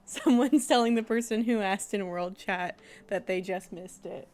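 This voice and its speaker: A woman's voice: mid-range voice, moderate pace, darkish tone. A woman streamer chatting casually with her live viewers while she plays and eats. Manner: chatty, greets viewers, talks while eating.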